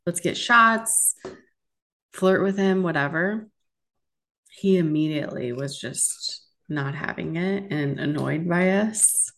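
A woman in her forties with a somewhat low voice, talking casually as a podcast co-host. She tells stories at a quick clip and laughs between them. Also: gravelly. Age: 40s. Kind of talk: casual chat.

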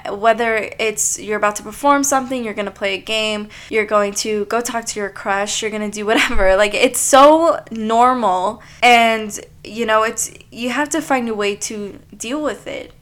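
A woman's voice: mid-range voice, fairly bright tone, clean tone. Chatty young woman podcaster. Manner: chatty, confessional, lots of fillers like "like". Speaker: podcast host. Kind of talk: casual solo podcast monologue.

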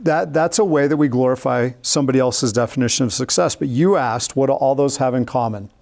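A middle-aged man in easygoing podcast conversation, his voice sitting at an ordinary middle pitch. He is upbeat, laughs often and explains his points at length. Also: fairly quick, creaky, a little mellow. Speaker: podcast co-host. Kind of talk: casual podcast chat.

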